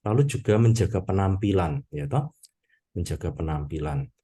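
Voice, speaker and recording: A man gives a sermon in a low, warm, mellow voice. He talks to the congregation in a casual, conversational way and keeps checking in with them through small tag questions. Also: expressive, normal speed, slightly rough. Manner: conversational, peppers talk with "gitu ya" and "ya toh"; addresses congregation as "Bapak Ibu".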